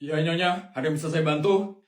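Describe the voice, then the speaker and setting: A man's voice: a little high, fairly even intonation, fairly quick, echoey room, close to an everyday voice. A man playing a polite, formal bodyguard who speaks deferentially.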